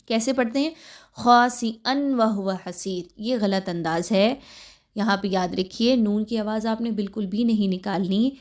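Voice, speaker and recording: A woman's voice: mid-range voice, darkish tone. A woman teaching tajweed, explaining pronunciation patiently and step by step. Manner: patient, explains pronunciation step by step, then recites slowly and drawn out. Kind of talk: tajweed lesson with slow recitation examples.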